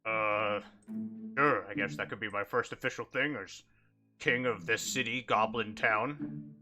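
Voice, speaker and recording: A man's voice: fairly low pitch, measured pace, sharp tone, faint music behind. A man voicing a smug male bugbear who rules a town, talking in a lazy, hesitant way full of uhs.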